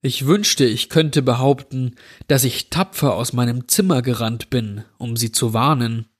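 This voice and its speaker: A man narrating a scripted horror story in a slow, measured way. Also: medium pitch.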